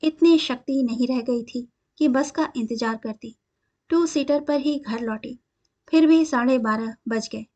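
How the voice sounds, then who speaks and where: Female story reader, high voice, even narration, muffled lo-fi sound. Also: unhurried. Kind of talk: scripted narration of a short story.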